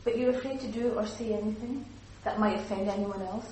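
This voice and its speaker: A woman trainer leading a lively workshop, slipping into little acted-out voices as she explains. She is recorded from across a very echoey room, so she sounds distant and hollow. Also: mid-range voice, fairly quick, a little hiss or hum. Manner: lively, acts out example speakers. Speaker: teacher trainer.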